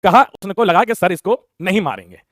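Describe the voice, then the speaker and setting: A young man tells a school story at a rapid clip, his voice sitting high for a man. He acts out each character as he goes. The sound is dry and close. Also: no echo. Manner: animated, acts out the teacher and classmates in quick voices. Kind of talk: casual storytelling.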